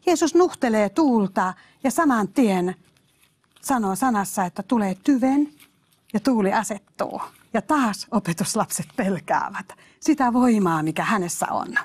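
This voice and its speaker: A woman's voice: medium pitch, lively intonation. A woman preacher giving a sermon, emphatic, exclaiming hallelujahs and speaking straight to her listeners.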